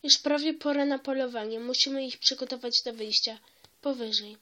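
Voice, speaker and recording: A woman's voice: high voice, moderate pace, pushed and bright. A woman reading the lines of a harsh, contemptuous mother who scolds her daughter, in a storybook reading. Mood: scornful. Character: harsh scornful cave-dwelling mother.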